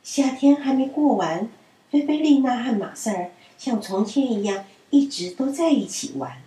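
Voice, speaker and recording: A woman reading children's stories aloud in a gentle storyteller manner. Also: on the high side, animated, normal speed. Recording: roomy and distant.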